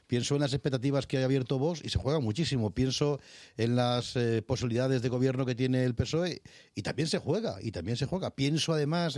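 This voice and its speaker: Man, panel host, husky voice, dry studio sound, measured. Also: mid-range voice, a little mellow, dry recording. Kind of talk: moderating a political panel.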